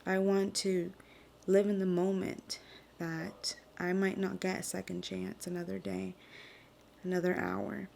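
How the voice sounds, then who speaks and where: A young woman and mother sharing earnest, heartfelt thoughts in a casual vlog, often dropping into a soft whisper. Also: mid-range voice, level tone, measured pace, creaky, slight background noise. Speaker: vlogger and mother. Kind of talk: reflective casual vlog talk.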